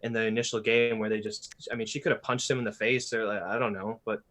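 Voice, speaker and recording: A man hosting a podcast in casual chat, animated and blunt, swearing freely. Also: lowish voice, fast talker. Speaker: podcast host.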